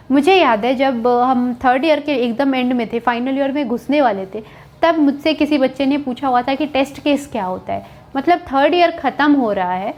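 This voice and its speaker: A woman's voice: high voice, darkish tone. A young woman talking casually and candidly to students, mixing in English words and often checking in with "right?". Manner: candid, chatty, mixes English words into speech, keeps asking "right?". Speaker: coding educator on a video channel. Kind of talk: casual advice talk to students.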